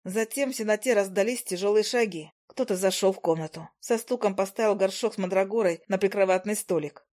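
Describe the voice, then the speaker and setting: A woman reading a story aloud in the first person, with a wry, lively storytelling manner. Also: medium pitch, fairly quick. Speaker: audiobook narrator. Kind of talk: first-person scripted narration.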